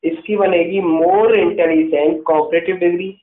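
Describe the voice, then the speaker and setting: A man with a high-pitched voice teaches a grammar class and dictates notes slowly and patiently. He keeps checking in with his students. The sound is echoey and tinny, as if from a phone in a bare room. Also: steady tone. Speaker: English teacher.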